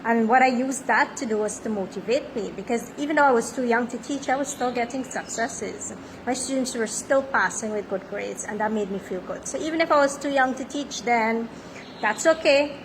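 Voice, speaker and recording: A woman in her thirties talks as a life coach in a confident, self-affirming way. Her voice sits on the high side. Clear background noise runs under the recording. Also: moderate pace. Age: 30s. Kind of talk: motivational monologue.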